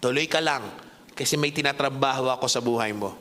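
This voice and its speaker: A man with a Filipino accent preaching a sermon as pastor, telling stories in an animated way and switching between English and Tagalog. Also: mid-range voice, a little fast, big-room sound. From Philippines. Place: church hall.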